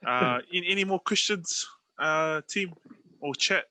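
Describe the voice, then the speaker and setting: A man hosting a casual podcast, speaking appreciatively in halting phrases. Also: a little high, sharp tone. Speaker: podcast host.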